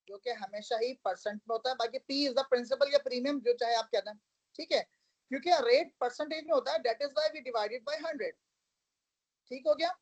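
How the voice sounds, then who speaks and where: A woman's voice: a little high, no echo, poor audio. A woman teaching a math lesson, explaining each step patiently and checking that her students follow. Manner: patient, step-by-step, calls listeners "beta" and asks check questions. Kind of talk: recorded math lesson, mixing English into explanations.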